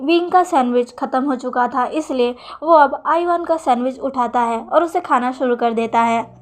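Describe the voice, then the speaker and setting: High-voiced woman narrating a story. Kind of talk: storytelling narration of fan fiction.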